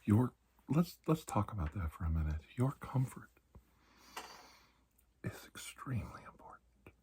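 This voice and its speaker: A man voices a male doctor in an ASMR roleplay, tending to someone with an alien skin disease. His low, mellow tone stays calm and reassuring as he talks slowly, deliberately and breathily, frequently dropping almost to a whisper to comfort his patient.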